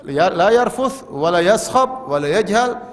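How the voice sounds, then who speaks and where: A man's voice: sits high, animated, measured pace. A man preaching a sermon with emphasis, repeating key phrases and reciting Arabic quotations. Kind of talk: Ramadan sermon. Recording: long hall reverb.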